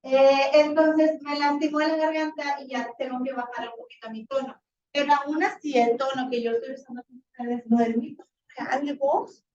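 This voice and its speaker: A woman teacher, slightly hoarse, lecturing a class in a chatty, animated way with many fillers. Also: sits high, normal speed. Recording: roomy, distant, dull classroom recording.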